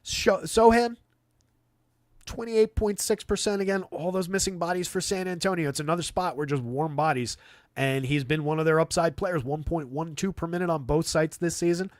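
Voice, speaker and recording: A man with a fairly high voice hosts a live fantasy basketball stream, analyzing off the cuff in a dry, conversational way and replying to chat. He talks at normal speed, and there's no echo.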